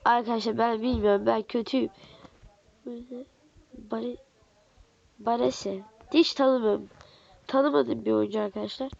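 A young woman with a stuffy nose, giving casual, excitable commentary as she opens card packs in a game, swinging from muttering to squealing. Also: fairly high pitch, measured pace, gravelly, pauses often, dull audio. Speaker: gaming YouTuber. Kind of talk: casual pack-opening commentary.

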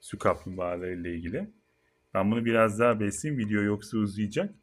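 A man hosting a casual vlog, calmly explaining to viewers and cooing to his pet in a high, excited baby-talk voice. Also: fast talker. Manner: calm, low explaining voice to viewers. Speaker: channel host.

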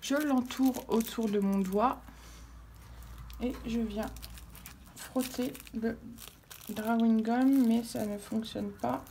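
Her voice is on the high side yet dark in tone, steady and creaky, and she takes it slowly with long pauses; a little hiss or hum is audible. This craft tutorial vlogger explains a technique while working at home, daughter nearby, hesitating often with fillers and restarts.

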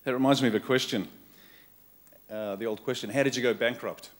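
An Australian man gives a brisk political keynote in a medium-pitched voice, speaking to a live audience in a conference hall. He is blunt and wry, with short, punchy phrasing.

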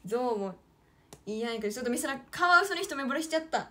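Bright high-voiced young Kansai woman. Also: expressive, very fast. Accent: Kyoto Kansai dialect. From Kyoto, Japan. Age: late teens. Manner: chatty, talks to herself, calls herself by name. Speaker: idol livestreamer. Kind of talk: casual livestream chat while drawing.

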